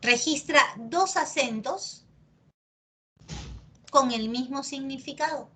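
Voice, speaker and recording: A woman's voice: high-pitched, slow, bright, forceful tone, slight background noise. A woman from Peru with a Peruvian accent teaching a lesson, patiently repeating key words and often checking that her listeners follow. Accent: Peruvian Spanish. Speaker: pre-university Spanish teacher. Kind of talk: classroom lesson on accent marks.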